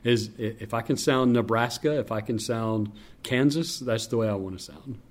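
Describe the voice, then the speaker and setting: Deep-voiced man, stadium announcer being interviewed, reflective storytelling, mid pitch. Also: moderate pace. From North Carolina. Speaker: public address announcer. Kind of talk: interview conversation.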